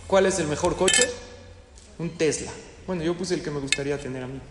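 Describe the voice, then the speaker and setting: A religious teacher with a rather high voice preaches briskly to a live audience as a lively storyteller, tossing questions out to his listeners. His voice rings through a large hall with long, heavy reverb and faint room noise.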